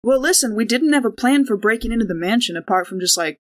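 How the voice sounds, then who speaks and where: Speaking quickly and expressively in a slightly high voice, this woman plays on a tabletop RPG podcast. Her talk is loose, improvised in-game chat that rambles along.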